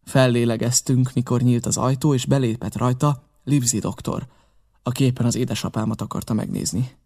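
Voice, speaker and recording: A man reading a novel aloud in steady, measured narration. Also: mid-range voice. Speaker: audiobook reader.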